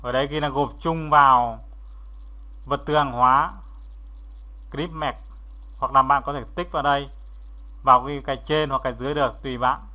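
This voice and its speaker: Here a man plays instructor for a software walkthrough, pausing often and restating steps as he proceeds. He has a mid-range voice and keeps his tone steady.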